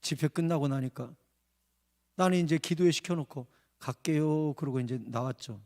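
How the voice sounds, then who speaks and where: A male pastor preaching at an evening revival service. He tells a story that swings from hushed narration to shouted outbursts. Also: fairly high pitch, moderate pace. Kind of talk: revival sermon. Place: church sanctuary.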